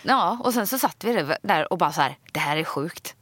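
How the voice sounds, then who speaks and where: A Swedish woman co-hosting a podcast, telling a story in a lively, chatty way and acting out what each person said. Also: on the low side, breathy edge, dry recording. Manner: animated storyteller, acts out both sides of dialogue. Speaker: podcast co-host. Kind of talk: casual chat.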